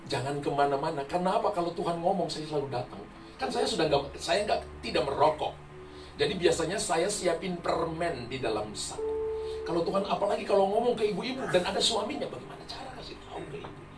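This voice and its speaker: A man's voice: high-pitched, lively intonation, fast talker. A man pastor preaching a sermon to a congregation, telling funny stories and laughing often as he goes. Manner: humorous storytelling, laughing often. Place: church hall. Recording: roomy echo from far mic, music. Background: music.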